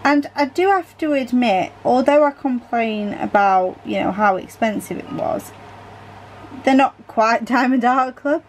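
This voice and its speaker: A woman's voice: fairly high pitch, a little slow, slight background noise, rough recording. A British woman chatting casually about her diamond painting hobby as she works, rambling freely and correcting herself mid-thought with little asides. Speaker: crafting vlogger.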